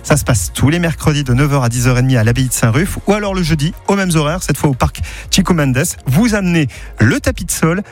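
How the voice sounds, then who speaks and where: A man's voice: fairly high pitch, lively intonation, fast talker, soft background music. A man hosting a local morning radio show, chatting in a friendly way with a guest and a caller. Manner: friendly, chatty presenter with light laughs. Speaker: radio host.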